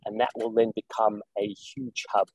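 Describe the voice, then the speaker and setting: A man from South Africa, an executive director, explains his work in an interview over a video call, talking in a measured way with many fillers and restarts. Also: lowish voice, monotone, no room sound, dull audio. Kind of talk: interview conversation. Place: Saudi Arabia, remote call.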